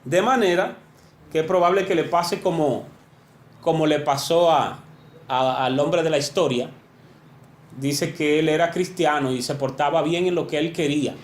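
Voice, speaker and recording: A man with a high voice preaches a sermon in an earnest, emphatic way, his pitch climbing and dropping to drive each point home. The sound is roomy and echoey. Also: moderate pace.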